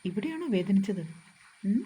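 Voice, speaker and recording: A woman reading out a cocky young husband who bosses and teases with a mock-stern edge. The voice is mellow and a little breathy, and it stays close to the reader's own. It is part of a storybook narration. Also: medium pitch, animated, normal speed. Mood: teasing. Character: bold, teasing young husband.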